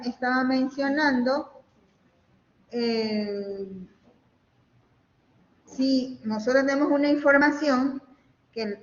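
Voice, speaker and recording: Woman teacher talking thru a big echoey hall sound, a bit high, dull audio with faint hiss. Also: a bit bright. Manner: explaining step by step, often checking with "¿ok?" and "¿no?". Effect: echoing, hall-like reverb. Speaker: university lecturer. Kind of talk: online class lecture.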